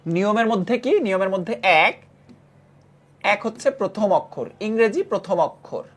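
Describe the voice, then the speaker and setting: Drilling, repetitive lecture voice. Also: female voice, mid-range voice, animated, normal speed. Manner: repeats key terms and asks "হ্যাঁ?" to check understanding. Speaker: chemistry teacher. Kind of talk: classroom lecture.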